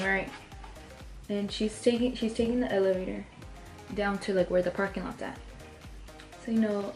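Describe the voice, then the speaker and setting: A young woman vlogger tells a friend a story in a loose, casual way, checking in often with "right?" Her voice is a little mellow and sits at an ordinary middle pitch, with faint music playing behind her.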